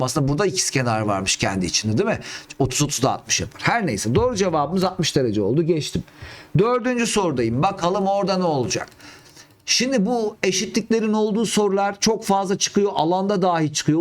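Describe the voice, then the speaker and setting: A man with a fairly high voice teaches geometry, thinking aloud and asking questions to himself as he works. He sounds middle-aged and close to the mic. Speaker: math teacher. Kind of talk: talking through geometry problems.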